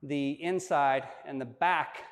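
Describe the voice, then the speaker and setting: Male yoga teacher, slightly raised pitch, laid-back and joking, recorded with a long room echo. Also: takes it slowly. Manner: relaxed, joking asides while demonstrating. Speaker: yoga instructor. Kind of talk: guided yoga class instruction. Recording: long hall-like reverb.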